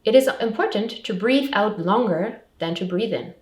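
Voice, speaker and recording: In this scripted public information talk, a woman acting as a support counsellor walks listeners through simple steps using short, clearly organized sentences. Her medium-pitched voice is expressive and a little mellow, at normal speed. The audio sounds roomy and echoey, as if from a distant microphone.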